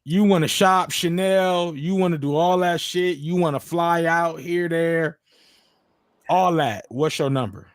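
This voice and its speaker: Slightly high-voiced and a little slow, this thirties-aged livestream host keeps a casual chat going with questions, speaking profanely and full of slang. The audio is studio quality with no echo, though the mic sometimes distorts.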